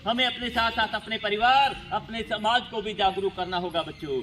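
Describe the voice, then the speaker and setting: A male magician with a high voice talks to a school audience and keeps calling out to the children. He tells stories in a lively, repetitive way. Loud noise from the school event runs underneath. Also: normal speed. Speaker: stage magician. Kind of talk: magic show patter for schoolchildren. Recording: noisy school show recording.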